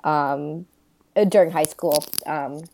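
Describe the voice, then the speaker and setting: A woman's voice: deep voice, fairly even intonation, slow pace, creaky, darkish tone, a little hiss or hum. Laid-back young woman podcast co-host. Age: young adult. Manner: laid-back, lots of ums and laughs, dry. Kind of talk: casual chat.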